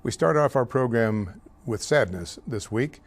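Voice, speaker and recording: An older man hosts a local talk show, his medium-pitched voice expressive as he speaks haltingly, full of fillers and stumbles over names. On politics he gets louder and more heated.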